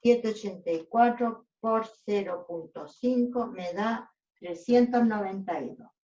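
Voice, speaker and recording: Slow, self-correcting woman teacher, roomy sound. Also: medium pitch, warm tone, far from the mic. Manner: thinks aloud, checks and corrects herself. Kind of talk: working a physics problem aloud. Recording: dull roomy sound from off-mic.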